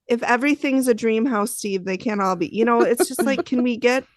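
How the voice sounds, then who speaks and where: Woman, 30s, podcast co-host; a higher voice, jokey and quick to laugh, close dry mic. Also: no room sound. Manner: joking, laughs often, mock-scolding asides. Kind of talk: casual chat.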